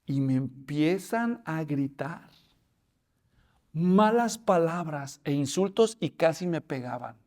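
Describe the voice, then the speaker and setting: A pastor preaching a sermon, telling the story in an animated way and addressing listeners as brothers. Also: male voice, on the high side, slow pace.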